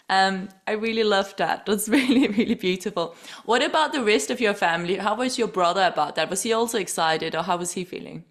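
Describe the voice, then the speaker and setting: A woman from Denmark hosting a podcast interview, effusive and full of fillers and restarts. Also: medium pitch. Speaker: podcast host. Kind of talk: warm interview chat.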